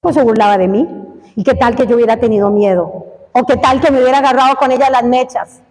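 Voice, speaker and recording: Brief: animated woman preacher, high voice, echoey hall sound, acts out stories mid-sermon. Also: fast talker. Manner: emphatic, repeats phrases, acts out stories.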